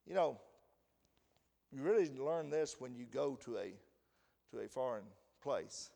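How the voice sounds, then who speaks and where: An American man preaching a sermon, animated, often laughing and reading scripture aloud in a raised voice. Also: mid-range voice, a little slow, creaky. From United States. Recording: long hall reverb.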